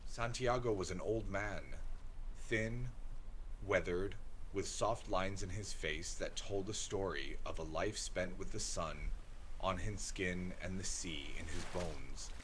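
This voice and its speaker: A man narrating a bedtime sleep story in a gentle, soothing, unhurried way, as a calming guide toward rest. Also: sits low, slight background noise, low-quality recording.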